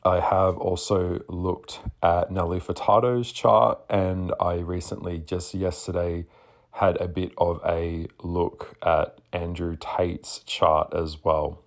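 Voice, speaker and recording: Very deep, gravelly, sassy man. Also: little pitch movement, takes it slowly. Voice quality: deep, husky morning voice. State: just woken up. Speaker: podcast host and astrologer. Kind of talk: casual spoken monologue.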